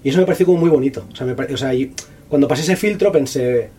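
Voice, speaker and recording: A man, an author talking about his book at a bookshop event in fast, slangy, profane speech full of restarts. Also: mid-range voice, warm tone, breathy edge. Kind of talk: casual talk at a book presentation. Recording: distant voice with faint room noise.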